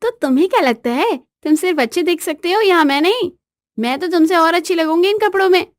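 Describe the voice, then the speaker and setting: A sassy young bride who talks back at every turn, as a woman puts her on. She is shrill, high and cheeky, and her lines land close and dry like a bedtime storybook reading. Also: lively intonation, brisk, dry recording. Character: sassy bratty young newlywed wife.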